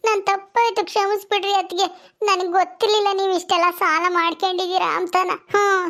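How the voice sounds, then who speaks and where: Woman doing a weepy village wife, very high voice, pleads a lot. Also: fairly bright tone. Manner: tearful, pleading, with many drawn-out "hmm"s. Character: young village wife, pleading and self-pitying.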